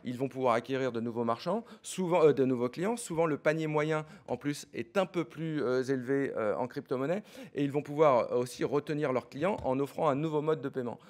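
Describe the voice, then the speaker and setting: A middle-aged man giving a fast business pitch, full of fillers and repeated words. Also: darkish tone. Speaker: startup executive pitching.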